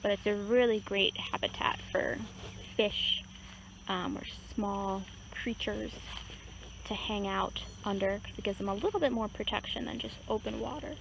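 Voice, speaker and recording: A woman's voice: medium pitch, normal speed. A woman acting as a nature guide, giving a casual, chatty explanation with many fillers, outdoors beside a pond. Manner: relaxed, chatty, many fillers and hedging words. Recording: outdoor recording with clear insect and cricket noise. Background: crickets and insects in a rural setting.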